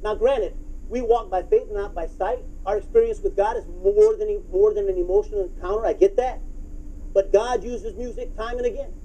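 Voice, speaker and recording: A middle-aged man preaching a sermon in a conversational but hyped, restless, over-caffeinated way, with a husky voice and phrases repeated for emphasis. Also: high-pitched, normal speed, warm tone, muffled recording, a little hiss or hum. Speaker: pastor preaching. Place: church auditorium, speaking from the stage to a congregation.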